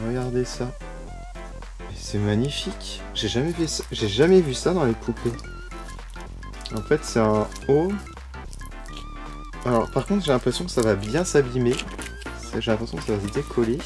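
A man's voice: mid-range voice, animated, moderate pace, pauses often, darkish tone. A man giving casual unboxing commentary as a toy vlogger, gushing with frequent delighted exclamations. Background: background music.

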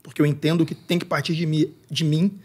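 A man's voice: fairly high pitch, little pitch movement, fairly quick, darkish tone, slightly rough. A Brazilian man hosting a podcast, chatty and polite, backing up his guest with short affirmations. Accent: Brazilian Portuguese. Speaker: podcast host. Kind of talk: conversational interview.

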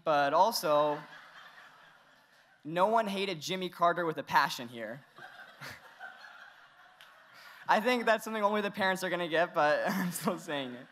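A teen from Iran gives an earnest graduation speech as valedictorian, with touches of humor and a few laughs. He stands at a podium microphone on a large indoor stage, his voice fairly high and bright.

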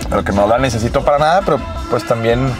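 A man hosting his own vlog in casual chat, relaxed and joking, talking at home and later from a car. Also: medium pitch, quick pace, echoey room, music in the background. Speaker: vlog host.

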